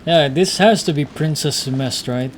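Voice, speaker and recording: This streamer speaks at a moderate pace in a fairly high pitch, offering laid-back, slang-filled thoughts as he plays. The clip has noticeable background noise from the video game sound.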